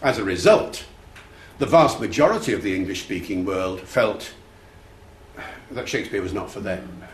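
A man's voice: sits low, lively intonation, normal speed, pauses often, roomy sound. A man giving a public talk to an audience, explaining things and telling anecdotes, with occasional fillers. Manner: explanatory, storytelling, uses fillers. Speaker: festival speaker on language. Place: room with an audience.

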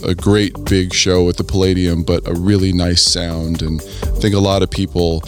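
A hoarse male podcast host speaks in a low, raspy voice. His delivery is casual and conversational, with faint music underneath. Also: flat delivery, moderate pace. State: hoarse after New Year celebrations.

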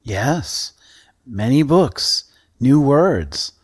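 A man voicing a desperate young male sorcerer student who bargains and shouts words at a monster. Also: mid-range voice, big pitch swings, extremely slow, husky, voice pushed up, exaggerated voice. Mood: pleading. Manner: pleading, then shouting word lists.

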